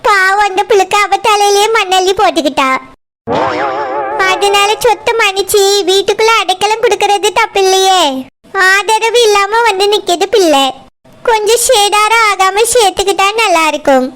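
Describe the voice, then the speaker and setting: A woman's voice: very high voice, moderate pace, a bit bright. A woman doing a kindly, coaxing old cartoon grandmother. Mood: pleading. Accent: Kanyakumari Tamil. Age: older. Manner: soothing, pleading. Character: kindly old grandmother who preaches forgiveness. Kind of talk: cartoon voice acting.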